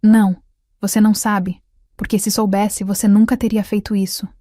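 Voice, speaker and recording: Betrayed young son, shouting in anguish, mellow dry storybook read, voiced by a woman. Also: mid-range voice, flat delivery, normal speed, dry recording, natural voice.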